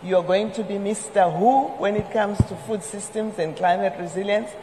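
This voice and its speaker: A man moderating a conference panel, brisk and emphatic, pressing the speakers on time. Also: high voice, dark tone, a little hiss or hum. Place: large conference hall. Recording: echoey hall, faint crowd.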